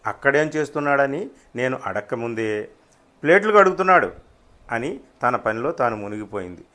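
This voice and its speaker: A male author narrates his own short story in a wry, unhurried way. His voice sits at a middle pitch, and he reads like a seasoned storyteller. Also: a bit bright.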